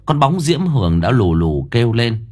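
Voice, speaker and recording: A man narrating an audiobook story in a dramatic, expressive storytelling manner. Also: mid-range voice, moderate pace, breathy edge.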